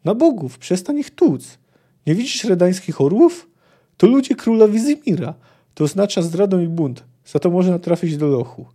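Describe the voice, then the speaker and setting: A man reading aloud as a panicky male bard poet, in shrill, alarmed outbursts. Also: fairly quick, hardly any pauses, mellow, lightly acted.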